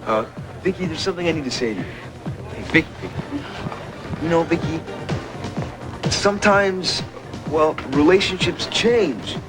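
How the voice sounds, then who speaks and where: A man's voice: a little high, expressive, close to an everyday voice, rough recording. A young actor playing a nervous teenage boy with hiccups who stammers and hesitates in a comedy sketch. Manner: halting and stammering. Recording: TV sketch with music and studio audience laughter. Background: music.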